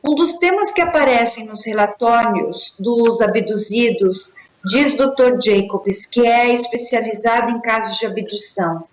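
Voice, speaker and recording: A woman co-hosting a paranormal talk show, reading her commentary slowly and deliberately. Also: a little high. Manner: slow, deliberate read-aloud delivery. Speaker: co-host. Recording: roomy echoey sound.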